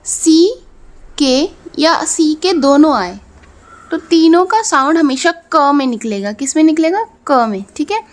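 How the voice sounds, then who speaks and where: Indian-accented female phonics teacher, high voice, unhurried, sounds out each letter. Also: lively intonation. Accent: Indian English. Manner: slow, drawn-out sounding of letters; repeats "theek hai" to check understanding. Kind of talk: classroom phonics lesson.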